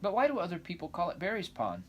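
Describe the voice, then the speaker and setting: An eager young storybook girl, acted out by a man, chatters in a breathless, gushing rush. The pitch jumps up as the dreamy, dramatic child rambles quickly on. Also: huge pitch swings, fairly bright tone, slight background noise, full character voice. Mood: eager curiosity.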